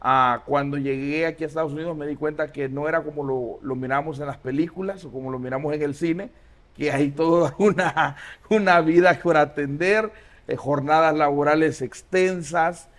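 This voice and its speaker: Pastor guy in his 40s, kinda high voice, chatty interview, lots of eh's and pauses. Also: steady tone. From Honduras. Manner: reflective storytelling, many pauses and "eh" fillers. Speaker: pastor, guest. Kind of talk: casual interview.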